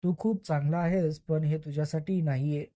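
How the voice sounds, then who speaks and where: A man's voice: a little high, steady tone, moderate pace, dark tone, lightly acted. A man voicing a stern, secretive grown woman in a spoken story, giving short, commanding orders. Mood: urgent.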